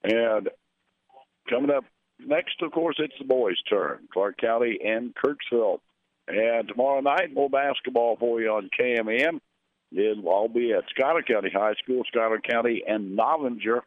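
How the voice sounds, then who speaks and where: A man's voice: mid-range voice, moderate pace. Man, radio sports announcer, conversational, tinny phone-like sound. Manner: conversational, reads scores and schedules. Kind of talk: local radio basketball broadcast.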